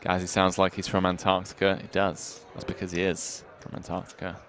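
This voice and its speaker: Man, very low voice, gravelly, faint background hiss, bantering poker co-host. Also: completely flat delivery, a little fast, a bit bright. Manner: banters, reads chat aloud. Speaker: poker co-commentator. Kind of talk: live stream commentary.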